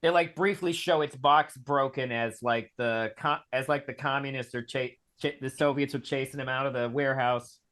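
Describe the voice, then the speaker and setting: A man's voice: medium pitch, fairly even intonation, normal speed, few pauses, a bit bright. Hesitant man hosting a video call chat. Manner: hesitant, filler-heavy with many "like"s. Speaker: host. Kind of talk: casual film discussion.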